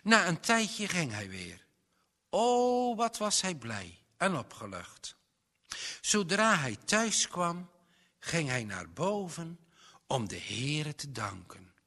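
Man reading a children's story aloud, bright voice, long reverberant room. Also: slow. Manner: expressive, with swings in pitch and loudness.

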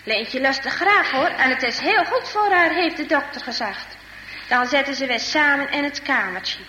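A woman reading a children's story aloud with expressive, dramatic storytelling, in an echoey hall with faint noise. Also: high-pitched, moderate pace.

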